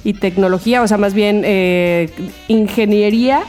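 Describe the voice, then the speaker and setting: A woman's voice: medium pitch, normal speed, darkish tone, soft background music. A woman co-hosting a podcast, chatting in a playful, joking way. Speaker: podcast co-host. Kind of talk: casual podcast chat.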